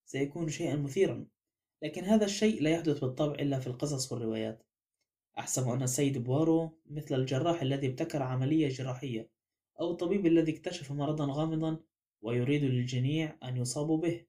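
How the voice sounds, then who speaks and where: A man's voice: fairly high pitch, quick pace, warm tone, natural voice. A man voicing a flippant, stubborn young woman in an audiobook, with a light, mocking way of talking. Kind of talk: audiobook character reading.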